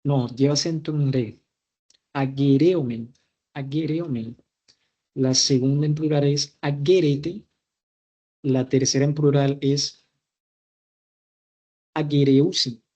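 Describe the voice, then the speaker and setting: A young man works through verb conjugation exercises for a class, one form at a time. He speaks at a very unhurried pace, filling gaps with hesitant "eh"s. Now and then he stops to correct a form he has just said. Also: fairly high pitch, fairly even intonation, warm tone, lo-fi sound. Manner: slow and careful, pausing with fillers and correcting himself. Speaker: university student.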